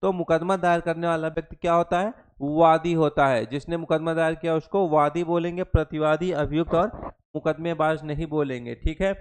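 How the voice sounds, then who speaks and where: A young man with a fairly high, clear and resonant voice teaches an exam-prep class in Hindi. He drops English terms into his Hindi, says each definition twice, and fires questions at the class.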